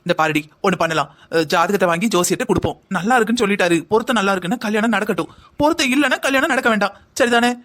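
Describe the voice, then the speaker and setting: A woman's voice: medium pitch, racing, a bit bright, natural voice. A woman voicing an anxious, scheming middle-aged mother who talks in a dramatic, self-pitying way in a cartoon drama. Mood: fretful.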